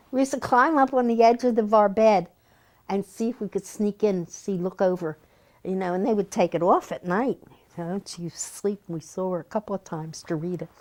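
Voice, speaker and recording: An older woman from Philadelphia, recalling her childhood in an interview, telling stories in a lively way and laughing often. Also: medium pitch, moderate pace. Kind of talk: reminiscing interview.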